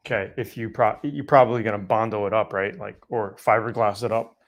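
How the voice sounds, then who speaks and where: A man's voice: fairly low pitch, fairly even intonation, fairly quick. A middle-aged man hosting a casual live Q&A, answering viewer questions in a loose, conversational way with fillers and self-corrections.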